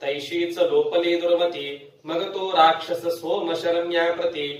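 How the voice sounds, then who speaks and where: A man reciting devotional scripture verse in a slow, melodic sing-song chant. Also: fairly high pitch, flat delivery. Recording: very echoey room, voice far from mic.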